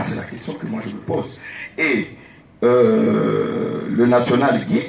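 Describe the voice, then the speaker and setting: A man stands as a party candidate and argues with firm, mounting emphasis. His voice sits at a middle pitch. It rings through an echoing meeting hall, picked up from some way off. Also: creaky. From Congo. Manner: emphatic, rising to animated insistence. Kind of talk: political debate. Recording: echoey hall from far off.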